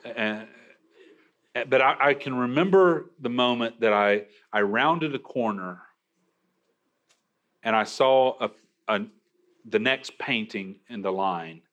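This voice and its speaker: A man delivers a sermon at an unhurried pace. His pitch sits in the middle range, and he lays heavy emphasis on key words, often breaking off and starting a phrase again. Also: fairly bright tone, lo-fi sound. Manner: slow, emphatic preaching with frequent restarts. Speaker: pastor.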